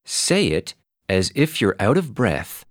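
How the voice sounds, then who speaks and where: A man giving clear, deliberate scripted phonics instructions as a teacher. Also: on the low side, sing-song, dry recording, clean studio sound.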